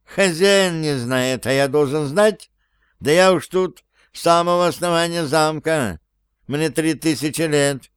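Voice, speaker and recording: A man voicing a skittish old male house spirit with a shrill, whiny squeal. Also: unhurried, clear, resonant tone, no echo, clean studio sound, natural voice. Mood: grumbling.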